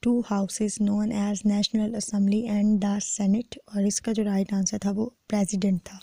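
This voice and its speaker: A woman, a law test tutor going through exam answers in a steady explanatory lecture. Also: mid-range voice, no echo. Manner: steady explanatory teacher, reads questions out slowly.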